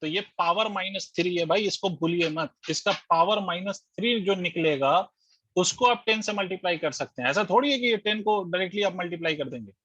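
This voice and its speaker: A man's voice: sits high, expressive, a little fast, a bit bright, no room sound. A man teaching physics in an online class, working through the steps and quizzing his students as he goes. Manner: explains step by step, quizzes students, mixes English terms into Hindi. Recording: dull lo-fi dry audio.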